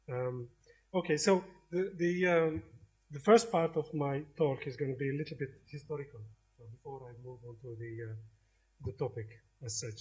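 A middle-aged Algerian man gives an academic lecture in a lecture hall, speaking conversationally with frequent hesitations and restarts. His voice is a little high.

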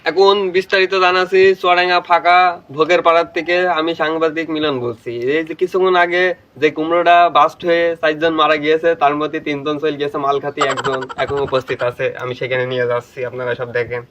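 A man's voice: fairly high pitch, little pitch movement, fast talker, fairly bright tone, muffled recording, lightly acted. A man with a western Bangladeshi accent from the Chuadanga area playing an earnest field reporter in a parody newscast. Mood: mock-earnest. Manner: parody news reporter delivery, mock-earnest. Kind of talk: parody live news report.

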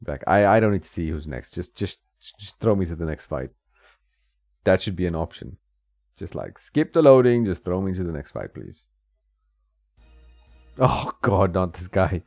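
Over game music on a slightly dull, lo-fi mic, a low-pitched man comments casually on gameplay with lively intonation at normal speed, taking long pauses. His tone is darkish and the recording dry, and he laughs a lot and talks back to the on-screen characters.

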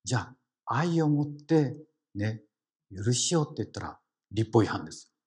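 A man with a Kansai accent gives a conversational sermon as a lay preacher, his mid-range voice slightly mellow and a little rough, with big pitch swings at normal speed. He draws in the congregation with questions and frequently uses "ne" tags.

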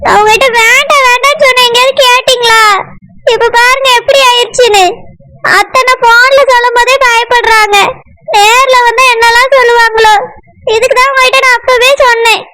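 A woman's voice: very high voice, fairly even intonation, a little fast, pushed and bright, rough recording. A woman voicing an anxious young village wife in a cartoon, pleading and complaining in Tirunelveli Tamil. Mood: worried.

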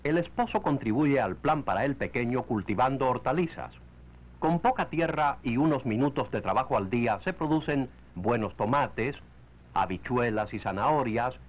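A male narrator from a 1940s educational film is heard through a dull, lo-fi old soundtrack. His mid-range pitch swings in lively, animated ways as he reads scripted lines in a measured, instructive manner.

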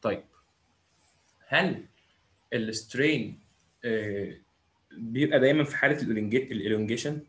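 This young physics teacher, who has an Egyptian Arabic accent, speaks in a mid-range, somewhat bright voice, fairly quickly but with frequent pauses. During his lecture he asks rhetorical questions and answers them on his own.

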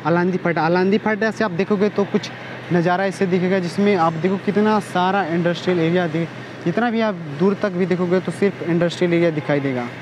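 High-voiced young man vlogging on a rooftop. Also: fairly even intonation, brisk. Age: young adult. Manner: hesitant, many fillers and restarts. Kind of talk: casual explainer vlog. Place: rooftop outdoors over an industrial area. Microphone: phone camera held close. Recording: outdoor phone recording with faint street noise.

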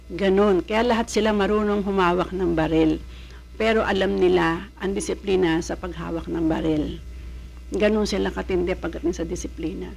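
Creaky-voiced woman vlogger rambling. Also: on the low side. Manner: rambling, searching for words with many fillers. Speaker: vlogger who worked abroad. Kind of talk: casual advice-giving talk.

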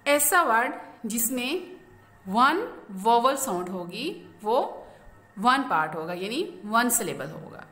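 A woman teacher explains a grammar lesson slowly, asking questions and then answering them herself. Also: on the high side, sing-song, pushed and bright. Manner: slow, explanatory, asks and answers own questions. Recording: echoey room.

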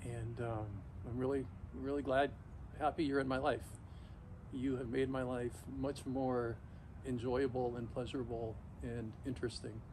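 A middle-aged man talking casually and haltingly to camera outdoors, shivering in ice-cold water, pausing often mid-thought. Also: medium pitch, level tone, a little mellow. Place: backyard, outdoors, in an ice bath. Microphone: camera a few metres away. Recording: noisy outdoor recording, ambient hum.

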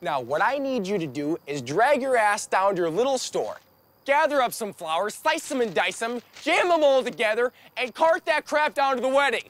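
High-pitched, brash young American loudmouth. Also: male voice, sing-song, normal speed, heavily acted. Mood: bossy. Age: 20s. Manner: foul-mouthed, taunting, swaggering. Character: crude, brash, cocky young male party loudmouth. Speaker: film actor. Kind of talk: raunchy comedy film acting. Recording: film soundtrack with music behind.

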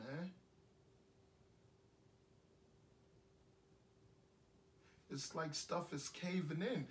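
A man's voice: fairly high pitch, slight background noise, close to an everyday voice. An actor with a New York accent playing a heartbroken young man who rambles bitterly and repeats himself in an indie film monologue. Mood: brooding. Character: heartbroken young man ranting after breakup. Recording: echoey room, voice from a distance.

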